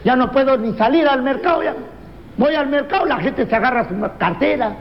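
A man doing self-mocking stand-up, his voice pitched very high. The sound is dull and carries a long reverb, with loud ambience behind him. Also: lively intonation, a little fast. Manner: self-mocking punchline delivery. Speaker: stand-up comedian. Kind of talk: stand-up comedy monologue.

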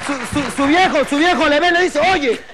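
A man telling jokes casually, animated and laughing into his punchlines, on a noisy recording. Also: extremely high pitch, brisk, over a noisy crowd. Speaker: joke teller.

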